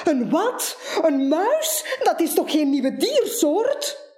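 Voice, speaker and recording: A curious vegetable-growing neighbor from a storybook, put on by the woman reading it. The voice rides high and swings widely, with exclaiming delivery. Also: lively intonation, very slow, a little mellow. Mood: alarmed. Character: curious, chatty neighbor who grows vegetables.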